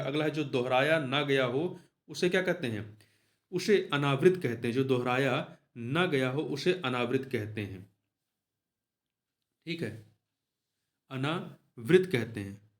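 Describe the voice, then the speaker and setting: A man with a somewhat high voice walks through exam answers one by one. He explains each answer, then asks it back as a question and repeats it. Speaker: Hindi exam tutor.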